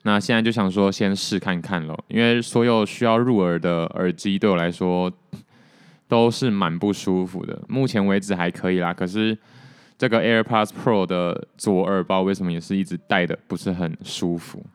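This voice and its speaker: A young man hosts a casual solo podcast, rambling and poking fun at himself. His voice sits very low and comes through smooth and resonant. The recording is dry and close, with no room sound. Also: normal speed, no echo. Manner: relaxed, rambling, self-deprecating. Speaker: podcast host.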